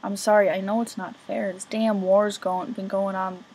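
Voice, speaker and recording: A woman voicing a hearty, jovial navy captain father with a booming manner. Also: level tone, moderate pace, a little mellow, a little hiss or hum, close to an everyday voice, rough recording. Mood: apologetic.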